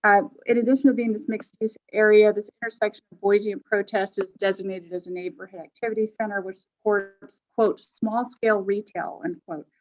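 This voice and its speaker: A woman's voice: mid-range voice, steady tone, brisk, hardly any pauses, darkish tone. A woman giving a formal presentation on a video call, her voice distant and hollow, as if inside a fishbowl far from the microphone. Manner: laughs off technical trouble, then talks on steadily. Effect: distant, hollow sound, as if inside a fishbowl far from the mic. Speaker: applicant's presenter at a public hearing.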